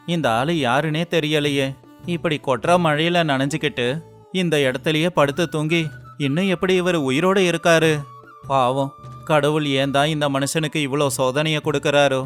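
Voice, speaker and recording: A man's voice: fairly high pitch, a bit bright, natural voice. A man playing a poor young fisherman who is despairing but kind, speaking earnestly and with feeling in a storybook tale. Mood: kind, concerned. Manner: earnest and emotional.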